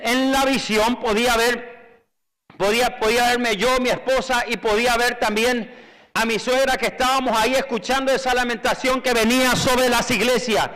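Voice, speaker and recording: A man preaching a fervent sermon, calling on the congregation to repeat after him and rising to shouts. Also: very high-pitched, in a large hall. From Paraguay.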